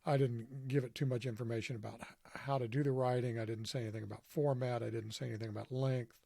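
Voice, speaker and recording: A man talks through a screen demo in an offhand, self-deprecating way, thinking aloud as he goes. His voice is dark and gravelly. The sound is dry and close, with no room echo. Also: medium pitch, steady tone, quick pace. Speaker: podcast host demonstrating software. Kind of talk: screen-recorded tutorial walkthrough.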